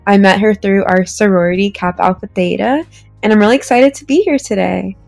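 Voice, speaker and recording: She's a young adult from Orange County, California, recounting her story as a podcast guest in a friendly, casual interview, saying "like" often. Her creaky, slightly mellow mid-range voice moves a little fast, with faint music behind her.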